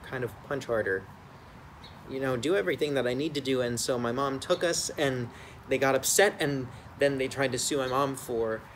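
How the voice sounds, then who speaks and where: Brief: American man, mid-pitched, rambling storyteller, recorded outside with clear traffic hum. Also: moderate pace. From United States. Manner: conversational, rambling, many fillers. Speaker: son of an Army veteran. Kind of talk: personal storytelling interview. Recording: outdoor take with steady background noise.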